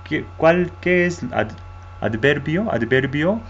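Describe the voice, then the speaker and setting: A man whose first language is Korean, teaching a language lesson in Spanish with a halting style, repeating words and often checking "¿sí?". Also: fairly high pitch, expressive, creaky, lo-fi sound, slight background noise.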